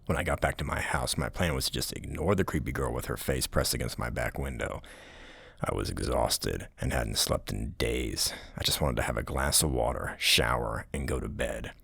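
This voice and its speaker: A man narrating a scary story in a low, haunting, gravelly voice that at times sinks toward a breathy whisper. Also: normal speed, a bit bright, no room sound. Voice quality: deep, gravelly. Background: music.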